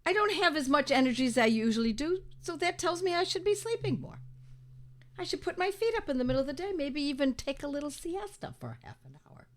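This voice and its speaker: Speaking to camera on her own channel, an older homeopathy teacher pushes through a cold, her voice raspy and somewhat hoarse, sitting a touch high and swinging widely in pitch. Her brisk, casual talk is animated and emphatic; she stresses each point hard, repeats phrases, and treats viewers like friends.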